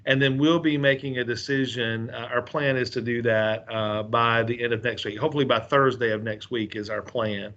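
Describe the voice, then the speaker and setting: A man's voice: medium pitch, steady tone, moderate pace, hardly any pauses, a bit bright. A man chairing a school board interview, speaking hesitantly with repeated words and many uhs over a video call. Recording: dull video-call audio.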